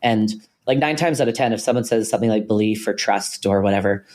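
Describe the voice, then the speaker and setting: A man co-hosting a podcast, talking through ideas in a thoughtful, hesitant way with many pauses and restarts. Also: on the low side, a little mellow. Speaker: podcast co-host. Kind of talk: casual philosophical conversation.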